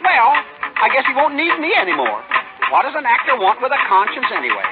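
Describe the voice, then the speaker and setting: A small, folksy cricket conscience, rueful and wry as he narrates. The pitch is high and leaps about expressively, on a muffled 1930s radio drama recording. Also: huge pitch swings, fairly quick, loud music behind the voice, exaggerated voice. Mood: wistful.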